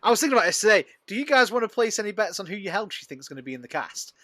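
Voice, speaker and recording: A man's voice: high voice, very animated, rapid-fire, fairly bright tone, dry recording. A man hosting a casual podcast chat, joking, laughing often and trailing off mid-thought. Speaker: podcast host.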